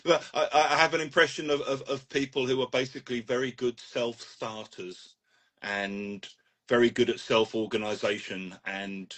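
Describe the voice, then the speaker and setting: Male interviewer, mid-range voice. Conversational, reflective, slightly halting delivery. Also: medium pitch, steady tone, fairly bright tone.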